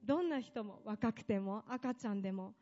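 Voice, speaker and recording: A woman's voice: medium pitch, moderate pace, dark tone, dull audio, soft background music. A woman preaching a sermon with impassioned delivery, building up long emphatic lists.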